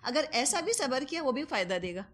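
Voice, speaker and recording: In a high, very animated voice, a woman with a Pakistani Urdu accent gives a Quran commentary lesson. As the teacher, she explains patiently through ordinary, everyday examples and drops English words into her speech.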